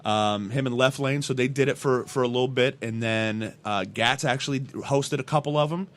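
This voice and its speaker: Speaking at a normal speed with a medium, slightly bright voice, this man in his thirties is an interview guest who works as a hip-hop artist and event promoter. His storytelling is loose, slangy, and full of swearing and repeated words, picked up close by a pop-filtered studio mic in a small room where background room noise is clearly audible.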